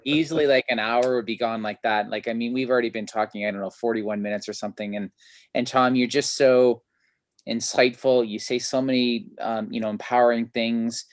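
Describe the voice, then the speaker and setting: A man hosts a video-call interview, talking in a chatty, enthusiastic way with plenty of fillers. His voice is mid-pitched and sounds dry and close. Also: steady tone, a little fast, no room sound. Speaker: host. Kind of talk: casual interview.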